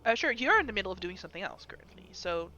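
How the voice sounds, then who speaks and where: A woman with a mid-pitched voice runs a tabletop game as game master. She improvises her narration as she goes. The audio is a little dull and lo-fi. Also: sing-song, fast, pushed and bright.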